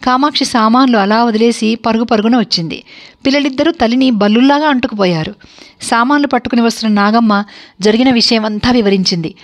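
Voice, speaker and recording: A woman narrating a family story for an online video in a calm, steady manner. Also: fairly high pitch, fast talker.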